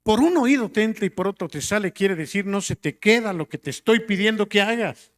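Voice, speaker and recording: Emphatic middle-aged male preacher, high voice. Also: animated, a little fast. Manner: swings between loud emphatic lines and quiet drops; rhetorical questions to the congregation. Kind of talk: sermon.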